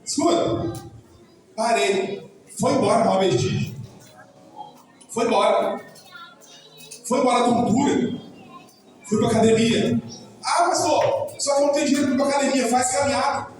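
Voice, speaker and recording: A man's voice: very high-pitched, moderate pace, long pauses, soft background music. A man with a Brazilian Portuguese accent preaching an informal sermon, chatty and repetitive, often speaking straight to the congregation. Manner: chatty, repetitive, keeps addressing the congregation directly. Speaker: pastor. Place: church hall. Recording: echoey hall, distant mic, noisy.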